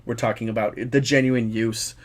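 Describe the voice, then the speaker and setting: A man's voice: mid-range voice, fairly even intonation, normal speed. A man co-hosting a casual chat, playful and teasing, dropping quips between his musings. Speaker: podcast co-host.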